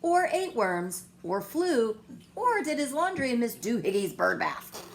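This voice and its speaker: A woman's voice: on the high side, very animated, a little slow, pitched above the performer's own voice. A woman voicing a stern mother cat in a children's storybook, scolding with heavy emphasis. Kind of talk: children's storybook read-aloud. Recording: some background noise.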